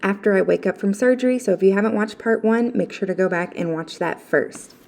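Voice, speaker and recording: Woman, conversational vlogger, medium pitch, rambling personal storytelling, frequent self-corrections. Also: brisk, creaky, a little mellow. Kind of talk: casual personal storytelling to viewers.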